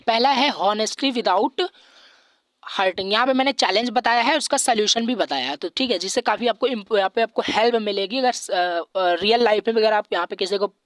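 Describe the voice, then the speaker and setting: A male teacher giving an exam revision lecture. He explains patiently, repeats himself often with many fillers, and reads English lines out slowly. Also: high voice, fairly bright tone, no room sound, poor audio.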